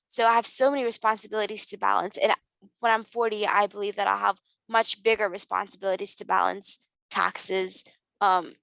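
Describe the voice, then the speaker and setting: A woman's voice: mid-range voice, creaky, fairly bright tone, no room sound, poor audio. A teenage girl speaking earnestly and reflectively as a podcast guest, with frequent ums. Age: teens. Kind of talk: podcast interview.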